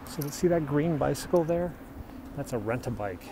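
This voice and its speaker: On a walk up a hilltop, this middle-aged man from the US livestreams from his handheld phone and chats with viewers, fielding their questions. His voice sits fairly high and sounds expressive, with a moderate pace, and the outdoor audio carries a lot of noise.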